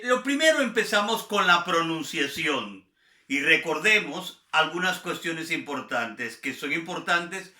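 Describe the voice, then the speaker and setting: Slow Venezuelan man teaching Spanish. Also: high voice, bright, forceful tone, echoey room. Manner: slow, deliberate, repeats and spells out words. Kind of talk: grammar review lesson.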